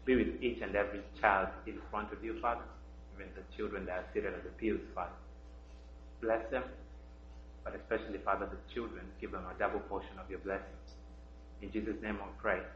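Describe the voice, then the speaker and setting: A man from Kenya, telling a story during a children's sermon, gently, with many "uh" fillers and questions to the kids. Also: on the low side, steady tone, a little fast, background noise. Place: church sanctuary. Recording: dull roomy church recording.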